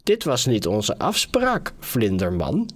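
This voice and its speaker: A man's voice: mid-range voice, big pitch swings, unhurried, darkish tone. A man voicing an irritated, impatient old king in a storybook tale.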